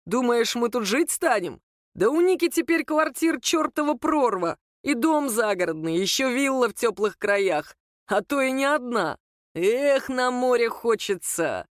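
A loutish young husband, brash and boorish, spoken by a woman storyteller in a lightly raised voice. The sound is dry and close to the mic. He talks loud and careless, without manners. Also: on the high side, animated, measured pace, no echo, voice pushed up.

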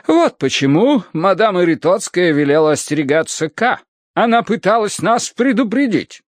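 A man's voice: high-pitched, sing-song, normal speed, no echo, studio quality, voice pushed up. A man reading an audiobook voices a haughty, imperious older Victorian lady in a raised, commanding tone.

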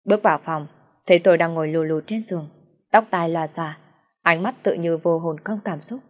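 A woman narrating a first-person story in a sad, steady reading voice. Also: on the low side, a little fast, long reverb tail.

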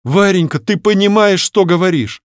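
A man reading an audiobook, voicing a doting aristocratic father who speaks gently to his daughter. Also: sits high, expressive, normal speed, no room sound, studio quality, pitched above the performer's own voice. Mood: shocked. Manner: haughty at first, then gentle and soothing.

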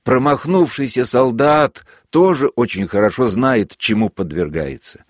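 A man narrating a classic novel as an audiobook in an expressive, vivid storytelling manner. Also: mid-range voice, a little slow, no echo, studio quality. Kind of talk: literary audiobook reading.

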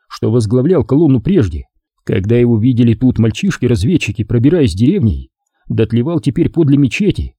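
Dark, husky male narrator. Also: mid-range voice, no echo, clean studio sound. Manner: expressive storytelling reading. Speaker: audiobook narrator. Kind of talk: scripted narration.

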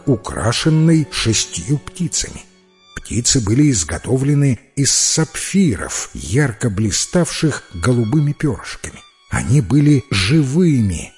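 A man reading a fairy tale aloud in a calm, expressive storybook narration. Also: medium pitch. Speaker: audiobook reader. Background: faint music.

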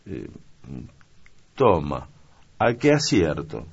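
A man voicing a lively, chatty young servant girl in a high, eager voice in an audiobook reading. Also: very slow, creaky, slightly rough, lo-fi sound, exaggerated voice.

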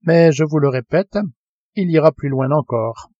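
A proud, commanding sea captain with a dry, ironic calm, as a man reading an audiobook puts him on. The voice sits low and mellow, and the sound is close and dry with no room around it. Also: measured pace, no echo, highs cut off. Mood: confident.

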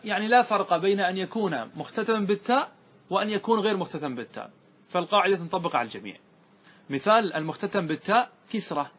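A man with a high-pitched, fairly bright and slightly rough voice teaches Arabic grammar to a class, explaining a verse text and reciting lines. He keeps checking that his students follow, asking them questions, and repeats examples and recites verses in a raised voice.

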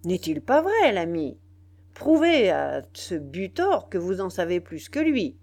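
A woman voicing an imperious, crafty rebel general who scolds loudly in a raised voice, reading a classic novel aloud. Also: on the low side, sing-song, measured pace, full character voice. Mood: furious.

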